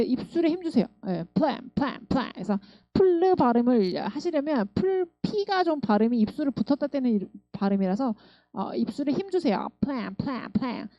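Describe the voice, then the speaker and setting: A woman's voice: on the high side, no room sound, muffled recording. A woman teaching English pronunciation, explaining and repeating words again and again as drills. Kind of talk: language lesson.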